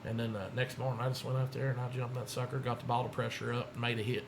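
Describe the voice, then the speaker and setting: A man's voice: mid-range voice, level tone, fast, vocal fry, noisy background. A man telling rambling racing stories in a casual chat and acting out what other people said. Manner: rambling storyteller, acts out other people's lines. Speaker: guest.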